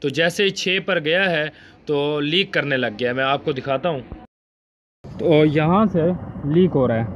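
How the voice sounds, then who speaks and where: Demonstrating a brake valve repair in a truck workshop, a mechanic in his thirties speaks at a measured pace in a somewhat bright voice, a bit higher than most men's. Nearly every step ends with a "theek hai" check-in, plus frequent phrases like inshallah and mashallah. Faint workshop and vehicle noise runs underneath.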